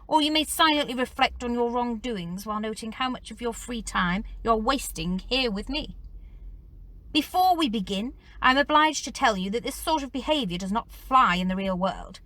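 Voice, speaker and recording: Woman playing a sarcastic detention teacher, weary, bright tone, dry close sound. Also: on the high side, no room sound. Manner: dry, sardonic lecturing. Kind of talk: dramatic monologue.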